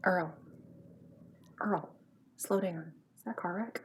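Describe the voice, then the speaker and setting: A woman voicing a nosy gossiping wife who pesters her husband, dropping to hushed whispers and then bursting out loud. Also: lowish voice, slow, a little hiss or hum, rough recording. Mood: gossipy.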